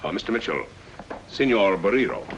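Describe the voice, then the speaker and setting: An actor playing a polite, calm European nobleman in a 1950s radio drama. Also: sits low, fairly quick, dull audio, a little hiss or hum. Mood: placating. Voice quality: polite, soothing.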